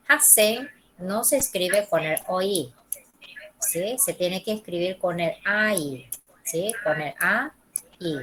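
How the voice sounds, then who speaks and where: A woman's voice: mid-range voice, a bit bright, a little hiss or hum, rough recording. A woman teaching a Korean lesson in Spanish, who models each pronunciation, repeats it and keeps checking with "¿sí?" and "¿ok?". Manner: checks understanding with frequent ¿sí? and ¿ok?. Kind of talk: classroom lesson.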